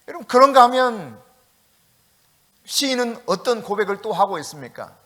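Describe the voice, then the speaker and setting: Male pastor preaching, highish voice, big swings loud to hushed, very dramatic. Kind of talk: sermon.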